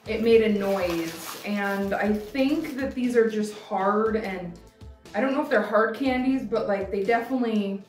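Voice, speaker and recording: A woman's voice: mid-range voice, measured pace. A woman in her twenties chatting casually to camera as a vlog host, rambling and hesitant, with lots of filler "like". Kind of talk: casual chat to camera, candy taste test. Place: decorated room indoors. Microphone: camera a few feet away. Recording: roomy, distant mic, music behind.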